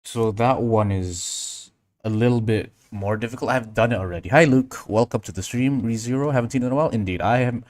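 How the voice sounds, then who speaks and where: Chatting with viewers while he works, an Indonesian man runs a laid-back livestream tutorial, thinking out loud and responding to messages he reads from chat. He speaks at medium pitch, a little fast, in a dry recording.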